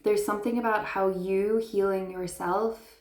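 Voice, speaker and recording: Woman tarot reader, unhurried delivery, earnest and affirming, echoey room. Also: medium pitch, fairly even intonation, a little mellow. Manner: slow, earnest and affirming, with emotional praise. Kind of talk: intuitive tarot reading to camera.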